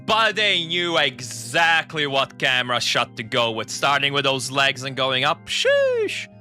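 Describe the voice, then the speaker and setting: A man live-streaming a game, reacting in an excitable way with crude jokes. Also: medium pitch, measured pace, faint music behind.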